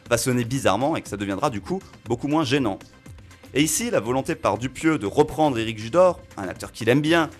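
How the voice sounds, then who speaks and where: A man reviewing a film on a local radio show, talking in an animated way with fillers as he works through his points. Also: mid-range voice. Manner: animated, reasoning aloud with fillers. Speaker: film critic.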